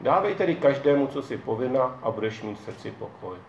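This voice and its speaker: A hushed divine spirit speaking comfort in a quiet, reassuring way, as a male storyteller puts it on. The voice sits in a roomy, muffled space. A faint ambience hums behind it. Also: medium pitch, expressive, gravelly, slight background noise. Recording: dull echoey room, faint ambience.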